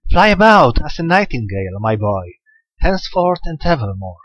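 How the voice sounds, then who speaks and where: A man voicing a young village wife married to a water spirit, speaking in a raised, husky voice that rises to anguished cries. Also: medium pitch, very animated, unhurried, no echo. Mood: lamenting. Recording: dull lo-fi recording.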